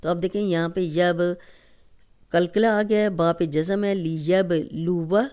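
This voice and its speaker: A woman teaching Quran recitation rules, explaining patiently step by step and drawing each recited word out slowly, with a Pakistani Urdu accent. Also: lowish voice, fairly even intonation, darkish tone. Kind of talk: Tajweed lesson.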